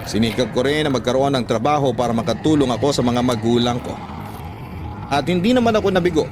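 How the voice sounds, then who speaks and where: A man with a Filipino accent delivers a scripted first-person story as dramatic radio narration, his medium-pitched voice lively in intonation and quick in pace. Music plays beneath him, making the background noisy.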